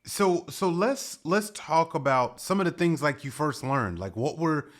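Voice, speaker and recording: A man's voice: on the high side, expressive, unhurried. A man in his forties hosting a podcast, asking long, rambling questions with many restarts. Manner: rambling, self-correcting questions. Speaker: podcast host. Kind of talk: conversational interview.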